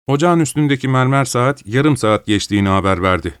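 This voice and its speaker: A man's voice: fairly quick, smooth, dry recording, clean studio sound. A man reading a novel aloud as narrator, lifting his voice for the dialogue. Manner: raises pitch for dialogue, steady narration between. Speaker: audiobook narrator. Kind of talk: scripted narration of a novel, voicing all characters.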